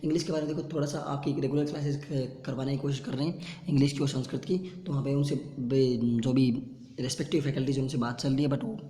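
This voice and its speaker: A Hindi-speaking male teacher gives an online exam-prep lecture in a mid-range, steady, warm voice. He drills pronunciation and repeats terms slowly. The echoey room adds a long reverb.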